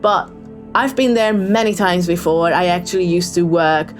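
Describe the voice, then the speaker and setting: In a voicemail with soft music behind it, a woman from Hungary tells a true story at a moderate pace. Her pitch is fairly low, and her delivery is hesitant, full of ums and restarts.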